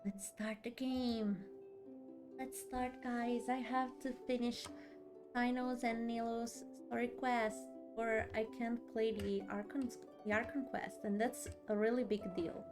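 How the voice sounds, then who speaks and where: Sleepy after a long day, a woman talks casually on a game livestream, with background music playing. Her voice is a little high, her delivery flat and unhurried, and she repeats phrases to emphasize them.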